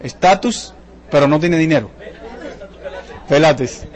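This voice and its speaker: A man giving a lively motivational sales talk to a live audience, joking and asking the crowd questions. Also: on the high side, slow pace. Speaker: business presenter at a sales seminar.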